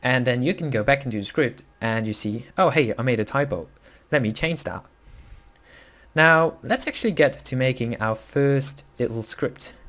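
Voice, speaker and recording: The host of this screen-recorded coding tutorial is a young man from the Netherlands who speaks English with a Dutch accent as a second language. His voice is mid-range and fairly bright at normal speed, and he talks casually and hesitantly, with lots of fillers and corrections of himself.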